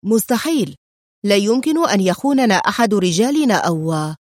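A woman's voice: medium pitch, lively intonation, brisk, darkish tone, no room sound, studio quality, natural voice. A woman reading the lines of a stern, sarcastic army general in an audiobook story, speaking clipped and severe. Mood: curt. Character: stern proud army general, mocking then guarded.

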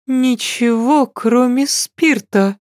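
A woman's voice: mid-range voice, animated, slow pace, no room sound, studio quality, voice pushed up. A woman voicing a sensible young woman friend who talks in a sighing, resigned, soothing way.

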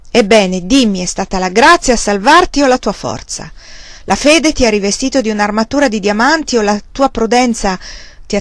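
A woman narrating a classic novel as an audiobook reader, calm and measured. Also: medium pitch, no echo.

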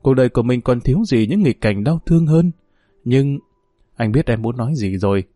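A man's voice: medium pitch, expressive, brisk, dark tone, no echo, studio quality, soft background music, close to an everyday voice. A man voicing an anguished young male prisoner who speaks with passion and pleading. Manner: impassioned, pleading.

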